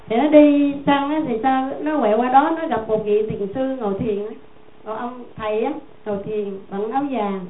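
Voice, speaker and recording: Woman, Buddhist nun, folksy dharma talk, high voice, tinny echoey phone-like sound. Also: slight background noise. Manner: conversational, repetitive, folksy.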